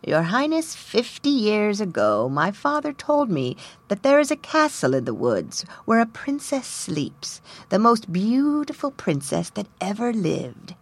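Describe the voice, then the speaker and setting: A woman voicing a humble old male peasant who tells an old legend slowly and respectfully. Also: mid-range voice, big pitch swings, husky, voice pushed up, exaggerated voice. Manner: respectful, slow storytelling.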